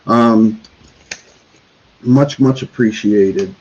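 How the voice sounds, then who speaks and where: A homesteading channel host from Northeast Florida reads holiday cards aloud during a livestream, chatting casually and rambling with many fillers and restarts. His fairly low, darkish, slightly rough voice draws out words, and the lo-fi sound is slightly dull.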